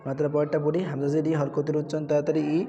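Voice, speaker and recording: A man's voice: on the high side, completely flat delivery, mellow, lo-fi sound. Patient male Quran reading teacher, drilling. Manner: patient, repetitive, spells letters then chants words in a raised drawn-out voice. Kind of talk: spelling out and drilling Quran recitation. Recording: reverberant room with faint background noise.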